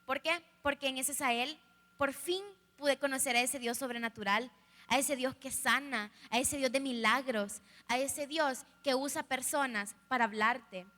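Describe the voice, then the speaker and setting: In an echoey hall captured on live stream, a young woman with a Salvadoran Spanish accent addresses a live audience directly with a frank, humorous testimony. She talks a little slowly, her high-pitched voice pushed and bright.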